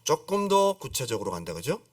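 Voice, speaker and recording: A middle-aged man preaching a lively sermon as a pastor, acting out pleading prayers and calling on the congregation to repeat after him. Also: medium pitch, brisk, no echo, studio quality, distant mic. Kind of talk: lively Friday-service sermon. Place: church sanctuary.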